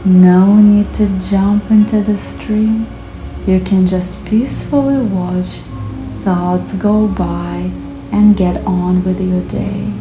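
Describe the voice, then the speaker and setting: A woman guiding hypnosis in a slow, calm, soothing hypnotist voice, with long pauses between short phrases. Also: mid-range voice. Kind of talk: slow guided hypnosis narration. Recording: echoey voice over background music. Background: music.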